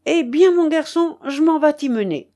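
A woman's voice: high-pitched, lively intonation, moderate pace, dark tone, pitched above the performer's own voice. A woman voicing a kindly, talkative old peasant man on crutches in an audiobook, fatherly and bustling. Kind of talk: audiobook character reading.

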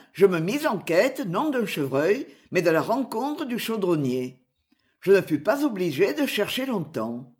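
A reader narrating a classic adventure novel in an expressive storytelling manner. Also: medium pitch. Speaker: audiobook narrator.

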